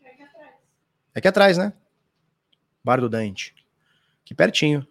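This crypto livestream host, a Brazilian man, has a slightly high, animated and creaky voice and a moderate pace. He stands at his stream mic fielding viewer questions in a slangy, loose way, swearing and restarting as he goes, with a Brazilian Portuguese accent.

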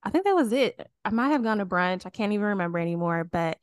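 A young woman in her twenties chatting on a podcast, rambling through her thoughts and laughing as she goes. Her voice sits at a middle pitch and is recorded close and dry, with no room sound. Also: animated, quick pace, clear, resonant tone, no echo. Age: 20s. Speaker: podcast co-host. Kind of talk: casual chat.

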